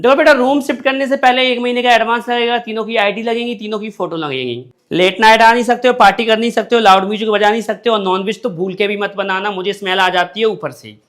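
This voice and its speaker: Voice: mid-range voice, a bit bright. A comedy sketch performer bantering through a string of everyday household roles. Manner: playing several roles, bantering.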